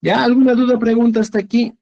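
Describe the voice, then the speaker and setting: A man teaching an online class, explaining slowly and patiently, often checking that students follow. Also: extremely high pitch, flat delivery, gravelly, dark tone, dull audio. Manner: slow, patient, checks understanding with "¿ya?". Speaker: Quechua teacher.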